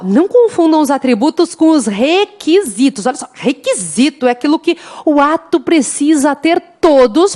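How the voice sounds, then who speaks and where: A woman in her thirties with a Brazilian Portuguese accent, teaching an exam prep law class and talking straight to her students. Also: sits high. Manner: lively, addresses students directly.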